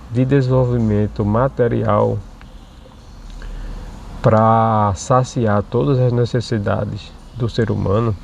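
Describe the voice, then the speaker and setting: Gravelly man explaining calmly. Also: mid-range voice, slight background noise. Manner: measured, with frequent tag questions. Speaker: channel host. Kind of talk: explanatory monologue.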